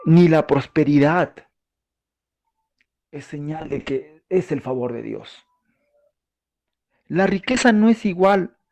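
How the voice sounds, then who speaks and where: A male preacher with a Peruvian Spanish accent delivers a sermon. He talks in a relaxed, conversational way and keeps asking his listeners questions. His voice is gravelly and dark. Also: mid-range voice. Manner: conversational, asks the audience questions, frequent fillers.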